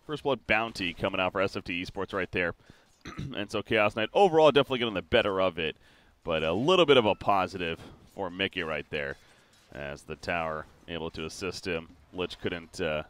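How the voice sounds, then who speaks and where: A man casting a live competitive video game match, calling the plays quickly and getting excited at the big moments, with frequent fillers and restarts. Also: low-pitched, clean tone. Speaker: esports caster.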